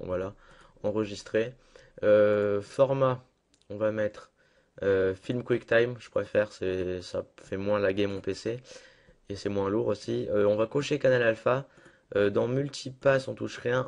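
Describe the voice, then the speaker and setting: A young man walks viewers through a software tutorial in a loose, chatty way. He fills pauses with hesitations and pokes fun at himself. He speaks into a desktop mic at his computer. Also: on the low side. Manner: chatty, self-deprecating, lots of fillers. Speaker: tutorial maker. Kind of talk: casual screen-recorded software tutorial.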